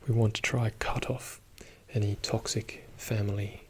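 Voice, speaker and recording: Slow, soft-spoken man giving whispered ASMR pep talk. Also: lowish voice, level tone, slight background noise. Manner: soothing, reassuring, slow and deliberate with pauses. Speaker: ASMR video host.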